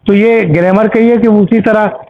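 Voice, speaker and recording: A man's voice: high voice, steady tone, normal speed, a crowd in the background. A man teaching an Arabic class, explaining grammar patiently with examples and checking that students follow. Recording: tinny phone-like recording.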